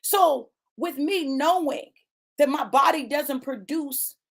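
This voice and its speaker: Speaking slowly in a high voice, this preacher in her late fifties delivers an emphatic, repetitive motivational sermon, referring to listeners as "y'all" and "baby."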